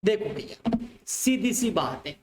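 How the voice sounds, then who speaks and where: A man's voice: high-pitched, very animated, takes it slowly, a little hiss or hum. A male teacher giving an online commerce lecture, repeating points and asking his students questions, calling them dear children. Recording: echoey room, faint ambience.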